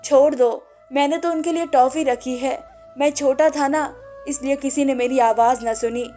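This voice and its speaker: A frightened little four-year-old, as a woman storyteller plays the part, pleads in a tearful, confused voice. The pitch is high, with faint music underneath. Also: steady tone, moderate pace, dark tone, lightly acted. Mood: pleading.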